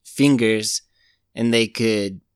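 A man's voice: fairly low pitch, slow pace, smooth, no room sound, clean studio sound. Easygoing man reading listener questions. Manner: easygoing, reads questions aloud, laughs often. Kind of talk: casual chat.

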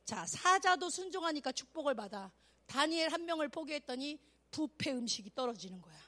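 Very high-voiced animated woman preacher. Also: fairly quick. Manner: animated, exclamatory, call-and-response; acts out quotes in voices. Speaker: evangelist. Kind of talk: sermon at a youth camp.

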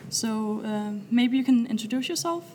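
A woman's voice: fairly high pitch, expressive, moderate pace, darkish tone, slight background noise. A woman co-hosting an education podcast, introducing the guests and asking questions in a friendly, plain way. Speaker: podcast co-host.

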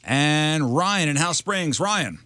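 Male radio game host, announcer-like and suspenseful, forceful bright tone, lively pitch, faint noise behind. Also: no room sound. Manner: announcer-like, repeats bids with drawn-out suspense. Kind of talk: game show hosting on a radio talk show.

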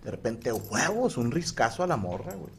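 Podcast host, male, lively delivery, quick jokey asides. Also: mid-range voice, a little hiss or hum. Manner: joking interjections and quick punchline quips. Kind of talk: casual comedy chat.

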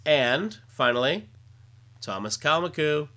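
A man hosting a casual podcast, explaining comic-book details in a halting, list-like way. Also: fairly high pitch, animated, bright, forceful tone. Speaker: podcast host.

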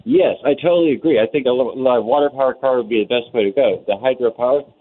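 A man's voice: medium pitch, fast talker. A man from Iowa calling in to a radio show over a muffled, faint phone line, as if heard through a wall. He rambles, halts and restarts. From Iowa, United States. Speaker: radio call-in caller. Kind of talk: casual call-in chat.

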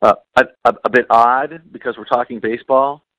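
A man's voice: medium pitch, fairly even intonation, a little fast, bright, forceful tone, dry recording, lo-fi sound. A man co-hosting a podcast about coaching and parenting, talking earnestly and repeating key phrases for emphasis. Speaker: podcast co-host. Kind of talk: podcast conversation.

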